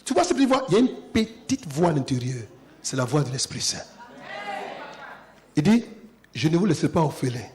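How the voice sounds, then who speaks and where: A male pastor preaching a sermon in a church, swinging from hushed, intimate lines to shouted climaxes and driving repeated refrains. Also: on the high side, big pitch swings, fairly quick, long pauses. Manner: call-and-response repetition.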